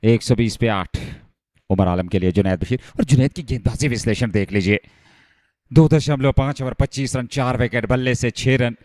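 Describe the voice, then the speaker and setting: Man giving excited live cricket commentary. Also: mid-range voice, normal speed, no room sound.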